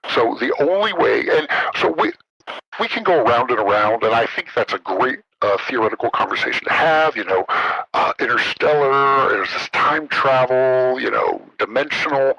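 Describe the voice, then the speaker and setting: Guy w/ disguised altered voice, gravelly and kinda husky, slow careful ums and uhs. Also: medium pitch, lively intonation, pushed and bright, dry recording, low-quality recording. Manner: hesitant, picks words carefully, many ums and uhs. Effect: voice altered to disguise identity. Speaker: guest, former military official. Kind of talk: podcast interview.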